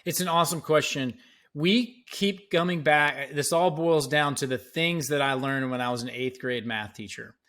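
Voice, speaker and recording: A man's voice: on the high side, moderate pace, fairly bright tone. A middle-aged man, a guest on a business podcast, explaining his ideas patiently and in small steps, like a former teacher. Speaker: guest, education entrepreneur. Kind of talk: podcast interview answers.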